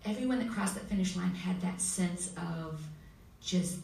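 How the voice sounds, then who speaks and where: A woman with a fairly low voice tells a heartfelt story at a panel, pausing often and getting emotional. She is heard from far off in an echoey hall, with faint noise behind. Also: vocal fry, dark tone. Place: school hall with audience. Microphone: table mic heard from far camera.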